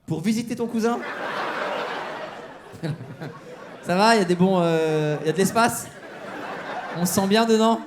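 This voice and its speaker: A man's voice: high-pitched, measured pace, long pauses, noisy background. A man doing stand-up crowd work on a comedy club stage, teasing the audience with mock-outraged banter. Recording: live show with crowd laughter.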